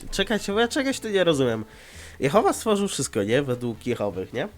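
A man's voice: fairly high pitch, wildly swooping pitch, brisk, soft background music. A man with a slightly stuffed-up, nasal voice giving casual, blunt and sarcastic reaction commentary. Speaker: host of a reaction video.

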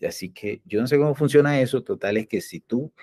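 A man, a doctor hosting a live health stream, talks in an animated, preachy way and acts out the voices he quotes. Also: mid-range voice, fairly quick, slightly rough.

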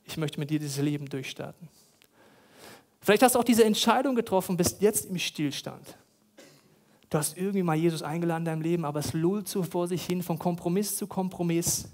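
A pastor delivers a sermon, his voice sitting noticeably high for a man. He tells stories dramatically and hammers points home by repeating phrases. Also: fairly quick, darkish tone.

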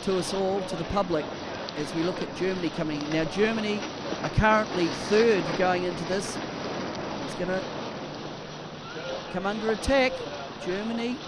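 A man giving expert live commentary on a sailing race, explaining technique with frequent halting restarts. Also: sits high, heavy background noise.

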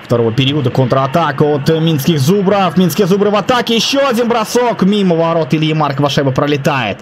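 A man calls live ice hockey play-by-play, excitably, rising to shouts at the big chances. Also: a little high, quick pace, faint music behind. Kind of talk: live play-by-play sports commentary.

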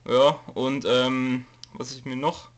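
A young YouTube let's player who has a cold gives a casual, rambling channel update, reading from a note. His medium-pitched voice is level and slow, and he's hesitant, with lots of fillers and jokes.

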